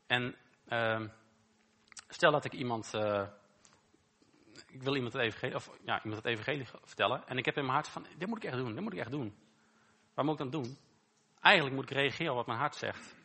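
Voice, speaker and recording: Delivering a relaxed, informal sermon at a fairly quick pace, this preacher has a medium-pitched voice that sounds bright and forward. Short phrases get repeated for emphasis, and he keeps asking his audience rhetorical questions.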